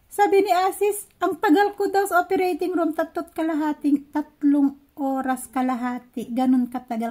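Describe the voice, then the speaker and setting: High, mellow-voiced woman vlogger. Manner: chatty, searching for words with many fillers. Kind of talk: casual storytelling.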